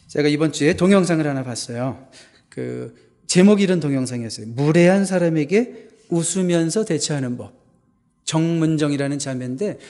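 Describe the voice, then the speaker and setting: A man's voice: fairly high pitch, a little mellow. A male pastor preaching a conversational sermon, asking the congregation questions and acting out quoted lines.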